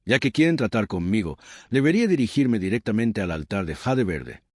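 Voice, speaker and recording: A man voicing an old male sect master who speaks flatly and with indifference. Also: lowish voice, brisk, dry recording, studio quality. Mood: cold. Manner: no inflection, indifferent.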